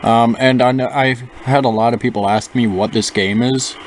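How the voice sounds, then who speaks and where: A young gaming channel host chats casually over gameplay, rambling with plenty of fillers and restarts in a steady, mid-range voice at a moderate pace. The recording is noisy with simulated bus engine sounds from the game.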